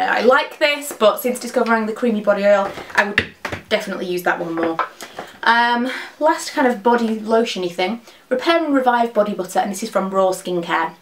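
A woman, talking very fast in a casual, rambling product review to camera. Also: medium pitch. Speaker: beauty vlogger. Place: small dressing room at home, indoors.

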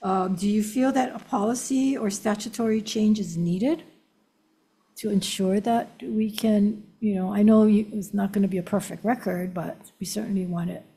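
A woman in her sixties chairing a legislative hearing at a desk microphone, questioning in a measured, formal way. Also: medium pitch, fairly even intonation, mellow, breathy edge. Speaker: committee chair. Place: hearing room.

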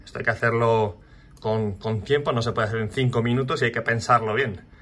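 A man walking viewers through a design website in a relaxed, chatty tutorial, talking to the audience as he clicks. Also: medium pitch, fairly quick, a little hiss or hum. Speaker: channel host. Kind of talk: casual screen walkthrough tutorial.

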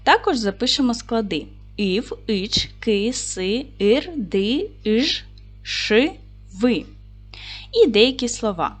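A woman teaching a recorded video lesson to fourth graders, speaking clearly and deliberately and reciting short rhymes. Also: fairly high pitch, animated, soft background music. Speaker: primary school teacher.

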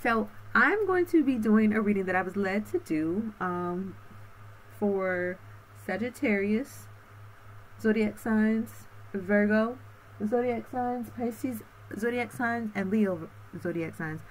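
A woman's voice: mid-range voice, lively intonation, low-quality recording. A woman talks through a tarot reading in a loose, meandering way, drawing out some words and checking in with the listener. Her voice sits in a middling range. A faint hiss runs under the recording. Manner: rambling, repeats okay and um, drawn-out words. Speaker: tarot reader.

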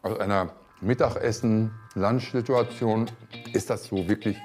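A man's voice: fairly low pitch, steady tone, a little slow, darkish tone, faint music behind. A man in his fifties, a chef hosting a restaurant show, talking frankly and reacting aloud as he tastes food in a restaurant cellar. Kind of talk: reality TV commentary. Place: vaulted restaurant cellar, indoors.

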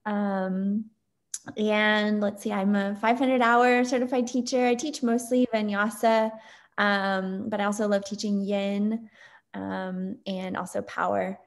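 A woman's voice: mid-range voice, fairly even intonation, slow. A woman yoga instructor from Texas introducing herself casually on a video call, upbeat with fillers. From Texas, United States.

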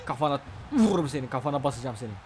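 A young man with a sore throat doing casual, excitable let's-play commentary, trash-talking his opponent and bursting into loud shouts. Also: medium pitch, very fast. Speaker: gaming channel host.

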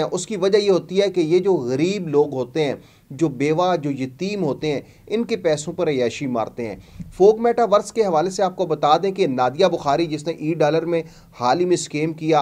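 High-voiced man denouncing scams. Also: a little mellow. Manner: emphatic, accusatory, preacherly. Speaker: host of a commentary show. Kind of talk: scam-warning commentary.

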